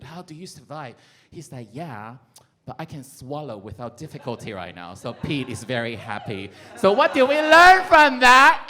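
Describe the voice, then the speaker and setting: A middle-aged Taiwanese man with a Taiwanese accent does a playful stand-up set in a high-pitched voice, breaking out into shouts and laughter.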